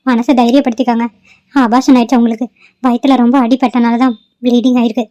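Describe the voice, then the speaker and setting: A woman voicing a calm female doctor in a cartoon, who speaks in a reassuring, matter-of-fact way. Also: on the high side, quick pace, close to an everyday voice. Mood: grave. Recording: dull lo-fi dry recording.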